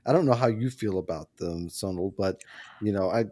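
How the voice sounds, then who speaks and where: A man's voice: deep voice, moderate pace, dark tone. A man hosting a casual panel chat on a video call. He talks in a conversational way and laughs often. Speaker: host.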